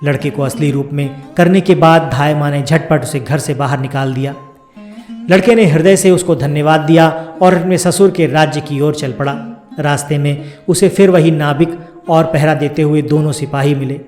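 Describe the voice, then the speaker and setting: कहानी सुनाता पुरुष, गूंजता कमरा. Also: male voice, a little high, steady tone, moderate pace. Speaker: storyteller. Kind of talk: scripted fairy tale narration. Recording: roomy sound with soft background music.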